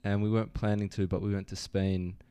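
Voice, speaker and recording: A young man from New Zealand talks easily about his travels and work as a podcast guest. His voice sits low and smooth, with a mellow, dry sound close to the mic. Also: fairly quick, no room sound. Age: young adult. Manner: relaxed, easygoing storyteller with fillers. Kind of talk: casual interview.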